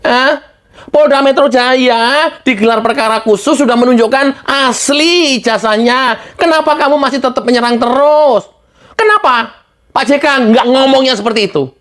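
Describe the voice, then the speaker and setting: A woman's voice: sits high, normal speed, a bit bright. Exasperated woman ranting politics. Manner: exasperated, rhetorical questions, scolding. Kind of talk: heated political rant.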